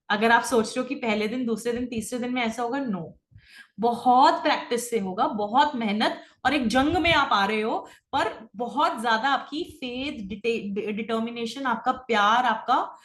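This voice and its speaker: A middle-aged woman teaching an online spiritual class, talking fast and often checking that her students follow. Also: a little high, a bit bright, echoey room. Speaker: Akashic records teacher. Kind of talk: online class lecture, Hindi-English mix.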